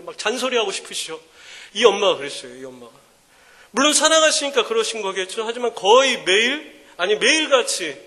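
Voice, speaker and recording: A man in his thirties giving a joking, animated sermon-style talk at a mothers' prayer meeting. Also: extremely high pitch. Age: 30s. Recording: echoing hall reverb.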